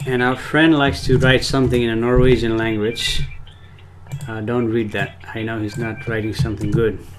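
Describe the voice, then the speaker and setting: A man talks loosely and wanders from point to point, the way a spiritual teacher chats on a live stream. His voice sits at an ordinary middle pitch, and a faint ambient hum hangs under his words. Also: little pitch movement, normal speed. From Nepal. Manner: rambling, talks of himself in the third person. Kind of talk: casual livestream talk.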